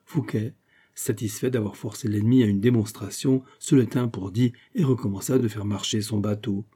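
A man narrating a classic novel as an audiobook, in a measured, even storytelling manner. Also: on the low side, breathy edge. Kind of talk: scripted narration.

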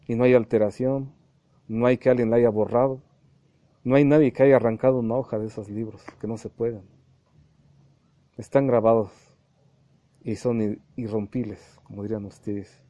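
Male medium, very mellow dark timbre, dry close sound, channeled sermon with acted-out dialogues. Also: mid-range voice, no room sound, highs cut off. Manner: addresses listeners as little brothers, repeats himself, acts out quoted dialogues. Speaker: spiritualist medium preaching.

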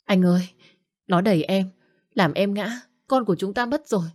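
A woman's voice: medium pitch, moderate pace, a little mellow, voice pushed up, natural voice. A woman voicing a scheming young woman who fakes a miscarriage, pleading in a raised, whiny voice.

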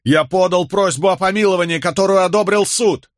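A man voicing a terrified condemned prisoner who pleads frantically for his life, shouting in a shrill voice. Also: animated, moderate pace, no echo, clean studio sound, close to an everyday voice. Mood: frantic pleading.

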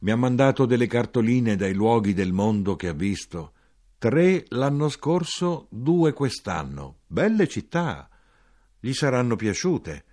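An actor reading an audiobook, voicing a weary, resigned elderly mother with a soft, sorrowful manner. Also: mid-range voice, big pitch swings, unhurried. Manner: soft, sorrowful, plain-spoken.

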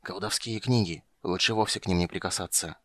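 Man doing a hoarse, frail sickly mage. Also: deep voice, a little fast, no room sound. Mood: weak, ominous. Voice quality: hoarse, weak. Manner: quiet, breathy, near-whispering.

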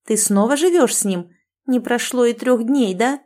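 A woman's voice: on the high side, expressive, moderate pace, a little mellow. Woman voicing Nonna, a bossy scolding friend. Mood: indignant. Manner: lecturing, commanding, sarcastic. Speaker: language teacher.

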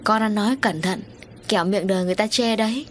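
A woman's voice: medium pitch, a little hiss or hum, close to an everyday voice. A woman doing a stern old grandmother. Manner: measured, scolding.

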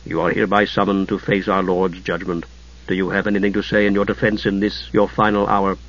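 A man voicing a grim knight who speaks in low, solemn tones, in a dull, dry recording. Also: level tone, brisk, a bit bright. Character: grim solemn male knight, dark order.

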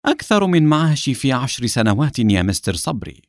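A man's voice: mid-range voice, sing-song, fast talker, no room sound, clean studio sound, pitched above the performer's own voice. A man voicing a cold, sarcastic, corrupt police inspector in an audiobook. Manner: cold, mocking.

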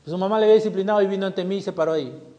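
High-voiced preaching man, church echo. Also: rapid-fire, muffled recording. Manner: impassioned preaching, swelling loud then dropping low. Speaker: pastor. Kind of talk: sermon. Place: church hall. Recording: long hall reverb.

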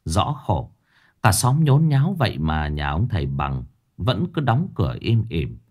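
A man narrating a ghost story, with a pitch that rises and falls in a lively way. He tells it expressively, leaning into the tension. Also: unhurried.

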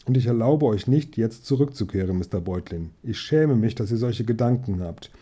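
A man reading aloud, voicing an old male wizard who gives measured, admonishing advice. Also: on the low side, animated, dark tone, slightly rough. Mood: firm.

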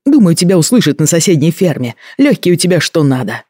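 A man reading a stern young husband, even-toned. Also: fairly high pitch, fast talker, no echo, studio quality. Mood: mocking.

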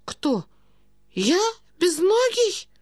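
A forgetful old prince, acted by a woman drifts through his words slowly and plaintively. His voice sits very high and swoops all over, and the sound is close and dry. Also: lively intonation, no room sound, heavily acted. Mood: flustered. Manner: meandering, plaintive, drawn-out phrases. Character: doddering old male prince, forgetful and fussy.

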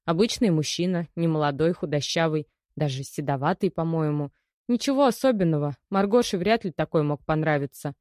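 Brief: woman audiobook narrator, low voice, dry close sound, measured. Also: a little mellow, no echo. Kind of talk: scripted narration.

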